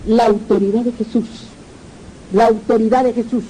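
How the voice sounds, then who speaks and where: A woman's voice: on the high side, fairly even intonation, moderate pace, dark tone, a little hiss or hum, poor audio. A woman pastor with a Peruvian Spanish accent, preaching a sermon, reading verses aloud and asking the congregation questions.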